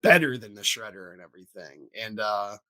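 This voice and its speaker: A man's voice: on the low side, animated, fairly quick, bright, forceful tone. A man hosting a podcast in casual chat, rambling with lots of fillers and restarts. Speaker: podcast host.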